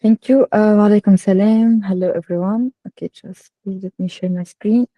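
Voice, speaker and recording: A woman with a North African, Tunisian accent presents an online workshop in a halting way with frequent filled pauses. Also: medium pitch, fairly even intonation, no echo, highs cut off. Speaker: workshop speaker, AI engineer. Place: online video call.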